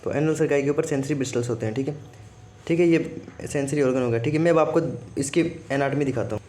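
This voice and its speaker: A man's voice: medium pitch, fast, a little mellow, a little hiss or hum. A man teaching a biology lesson for exam prep, who keeps repeating "okay" and asks himself questions before answering them.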